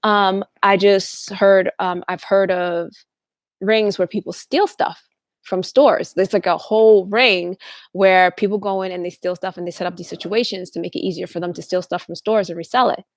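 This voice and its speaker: A woman's voice: mid-range voice, steady tone, moderate pace, dry recording. A woman hosting her own channel, talking in a rambling, casual monologue, often restarting sentences and acting out what other people say. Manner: rambling, restarts often, acts out quoted voices. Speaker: channel host.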